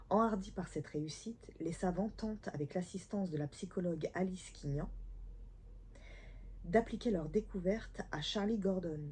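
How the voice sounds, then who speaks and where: A woman's voice: fairly low pitch, dark tone, a little hiss or hum. A woman, probably in her thirties, chatting enthusiastically about her reading pile into a camera at home, with whispered asides. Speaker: book vlogger. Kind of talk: casual book haul chat. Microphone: camera mic.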